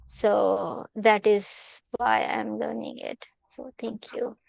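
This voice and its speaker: A woman from India introducing herself as a student on a video call, calm and measured. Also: mid-range voice, vocal fry, a little hiss or hum, poor audio.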